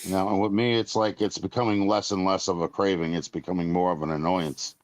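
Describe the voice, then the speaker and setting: A man's voice: sits low, level tone, fairly quick, no room sound. A man in his fifties chatting casually on a live stream, talking in a rambling, blunt way with some mild cursing. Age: 50s.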